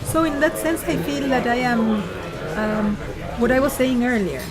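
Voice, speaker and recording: A woman's voice: fairly high pitch, moderate pace, over loud music. A woman from Argentina talking candidly and reflectively in a casual chat over a meal, often restarting her sentences. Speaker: guest in a conversation. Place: busy restaurant. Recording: loud restaurant crowd around. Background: crowd chatter.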